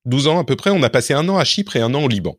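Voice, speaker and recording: A man being interviewed, reflecting on his upbringing in a relaxed, digressive way and often correcting himself mid-sentence. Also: mid-range voice, very fast, dry recording, studio quality. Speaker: interview guest.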